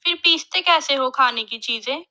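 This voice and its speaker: A woman voicing a spoiled young city daughter-in-law who talks in a high, fussy, whiny way. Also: moderate pace, pushed and bright.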